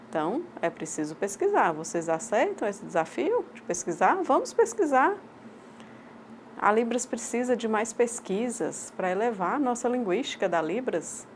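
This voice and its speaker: A woman with a Brazilian accent voicing a sign language teacher's lecture aloud, in measured, halting short phrases. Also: mid-range voice, big pitch swings, a little hiss or hum. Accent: Brazilian Portuguese. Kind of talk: voiced interpretation of a lecture.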